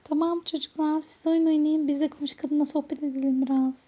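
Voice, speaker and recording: A woman chatting casually as she plays along with a child, coaxing and gently instructing as a mother does. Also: high-pitched, fairly even intonation, quick pace. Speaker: mother playing a game with her child on a channel. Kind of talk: casual play-along chat.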